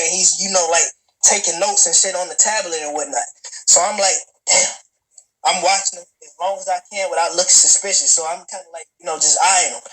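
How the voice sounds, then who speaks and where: The voice is a man's, on the high side, sounding pushed and bright, captured in low-quality audio. He's in his twenties and rambles profanely through a long personal story, stammering, starting again and breaking off to speak directly to listeners.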